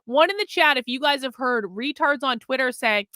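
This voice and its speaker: Bright, high-voiced woman livestreamer, emphatic. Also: expressive, moderate pace, no echo. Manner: emphatic, repeats phrases, sarcastic, swears. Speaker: livestream host and self-described undercover reporter. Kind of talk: casual livestream commentary.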